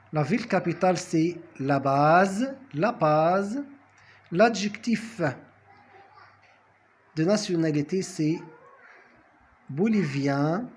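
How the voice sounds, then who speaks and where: A man teaching a French lesson, speaking deliberately, repeating words and correcting himself with fillers. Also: on the high side. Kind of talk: language lesson.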